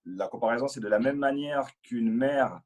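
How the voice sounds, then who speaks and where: A man patiently explaining a Buddhist prayer as interpreter and teacher, in a halting way with many fillers and repeated words. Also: medium pitch, a little mellow.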